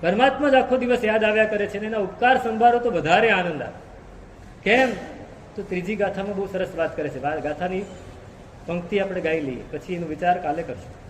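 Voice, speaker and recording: A man's voice: high voice, fairly quick, slight background noise. A man preaching a sermon, telling a story and repeating key phrases for emphasis. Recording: echoey hall reverb.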